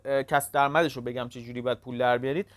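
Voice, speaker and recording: Tutorial host, casual and halting, mid-pitched, dry close sound, calls viewers kids and friends. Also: steady tone, no echo. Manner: talks step by step, halting with frequent "uh" fillers. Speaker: crypto tutorial channel host. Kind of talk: casual screen-recorded walkthrough.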